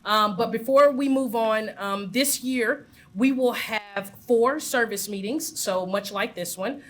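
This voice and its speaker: Her voice is on the high side, a bit bright and unhurried. On a handheld mic, she facilitates a community meeting before an audience in a large room, warmly and upbeat, inviting attendees to share.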